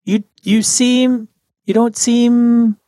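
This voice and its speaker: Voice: medium pitch, level tone, very slow, warm tone, dry recording, clean studio sound, pitched above the performer's own voice. A game master voicing an eager woman who stammers as she pleads with her partner on the phone during a tabletop game. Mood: pleading. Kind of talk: in-character tabletop role-play.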